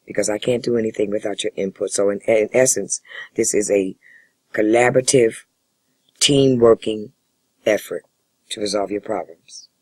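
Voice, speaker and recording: A man speaking as a family therapist in a role-play session, with a husky voice and measured, formal, wordy phrasing. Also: on the low side, steady tone, darkish tone, no echo, low-quality recording. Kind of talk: spoken counseling role-play demonstration.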